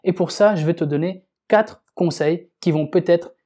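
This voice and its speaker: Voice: medium pitch, moderate pace, mellow, husky. A podcast host giving an informal self-help talk, speaking straight to the listener and repeating words for emphasis.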